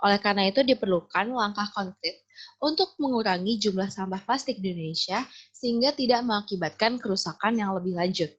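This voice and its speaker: A young woman presents a student essay as a team member. She talks in a steady, methodical way and walks through her points one by one at a mid pitch. The audio is slightly dull and lo-fi. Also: fairly quick. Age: young adult.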